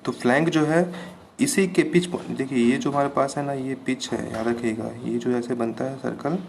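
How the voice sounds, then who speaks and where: Guy lecturing on engineering, gravelly voice, keeps asking if it's clear, faint hiss behind. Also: medium pitch, fairly even intonation, normal speed, darkish tone. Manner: patient, repeats terms with "ठीक है, clear है" checks. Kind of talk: classroom lecture.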